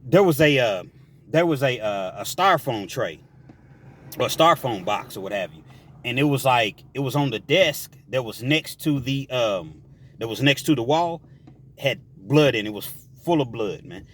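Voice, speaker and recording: A man telling a story from prison life in a casual, emphatic way, with shouted sound effects. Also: medium pitch, lively intonation, normal speed, slight background noise.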